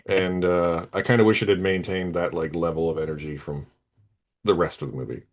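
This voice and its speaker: Low-voiced easygoing man. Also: fairly even intonation, a little fast. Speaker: podcast panelist. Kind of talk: casual movie review chat.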